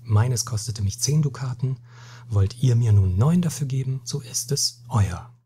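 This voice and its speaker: A weary Spanish captain with a burden on his conscience, speaking slowly and gravely and turning scornful when crossed, as a male reader puts him on. The voice is dark and mellow, and deeply husky and breathy, in a storybook reading. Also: lively intonation. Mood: solemn. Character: weary, hot-tempered Spanish captain, middle-aged man.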